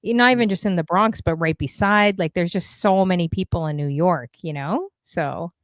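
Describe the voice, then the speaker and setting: A woman's voice: lowish voice, normal speed, no room sound, clean studio sound. A woman from Canada hosting a casual livestream talk show, chatty and upbeat, with lots of fillers.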